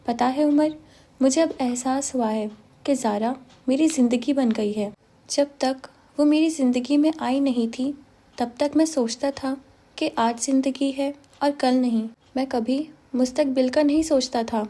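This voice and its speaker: A calm, soft-spoken young man, gentle and quietly in love, as a woman reading a novel aloud puts him on. The voice sits high, with a mellow, warm tone. He speaks in an even, unhurried way. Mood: calm, tender.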